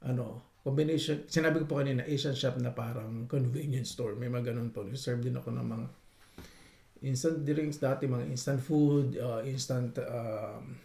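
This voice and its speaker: A young Filipino vlogger tells stories from his life abroad in a casual, polite way, acting out the people he quotes with animation. His voice is mid-range and gravelly at normal speed, recorded in an echoey room.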